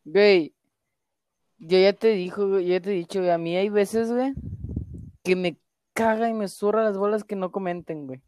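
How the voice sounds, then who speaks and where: Her medium-pitched, darkish voice stays fairly even at a normal speed, broken by long pauses, in a dry recording. She's a young Mexican-accented streamer whose casual chat is profane, slangy and packed with fillers.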